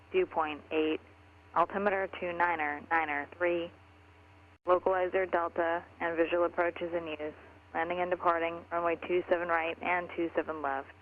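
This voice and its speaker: A man reading a recorded airport weather broadcast in a flat monotone, heard over an aircraft radio. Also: sits high. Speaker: automated airport information broadcast. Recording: tinny radio with faint noise.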